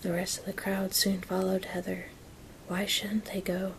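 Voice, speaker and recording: A woman whispering a story in a soft, gentle ASMR reading, taking her time. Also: mid-range voice, completely flat delivery, moderate pace, creaky, slight background noise. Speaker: reader of an audiobook-style story.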